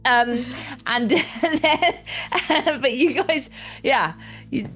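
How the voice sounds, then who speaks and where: A woman's voice: high-pitched, extremely slow, a bit bright, soft background music. A woman player chatting casually in a hesitant, rambling way. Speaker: tabletop game player. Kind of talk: casual chat.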